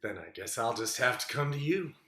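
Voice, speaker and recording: An actor playing a flamboyant, theatrical man in leather chaps who swings between purring seduction and loud outbursts. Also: mid-range voice, expressive, fairly quick, lightly acted. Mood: seductive. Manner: camp, teasing, swinging from purring to shouting. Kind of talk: comedic audio drama.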